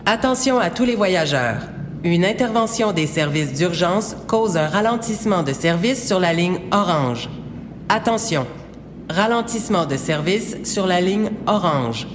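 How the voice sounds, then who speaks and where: A woman's voice: on the low side, animated. Woman making echoing airport-style announcements. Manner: formal, measured announcement delivery. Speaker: announcer in a French listening exercise. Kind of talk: scripted public-address announcements, like at an airport or train station. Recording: long hall reverb, faint background noise.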